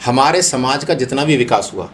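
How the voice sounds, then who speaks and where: A man's voice: medium pitch, expressive, moderate pace, a little hiss or hum. A middle-aged man from India, speaking as a guest in an unscripted interview, explaining philosophical ideas through everyday examples.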